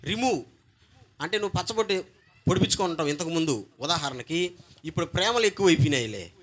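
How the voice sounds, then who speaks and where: Emphatic pastor preaching. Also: male voice, a little high, lively intonation, fast talker. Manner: call-and-response, demanding congregation repeat loudly; emphatic, swings between soft and loud. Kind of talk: sermon.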